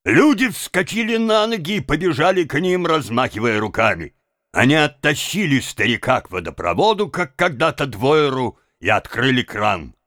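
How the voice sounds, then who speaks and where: A man's voice: medium pitch, big pitch swings, moderate pace, a bit bright, no room sound. A man narrating a story as an audiobook, with dramatic, rising and falling emphasis, on a close microphone.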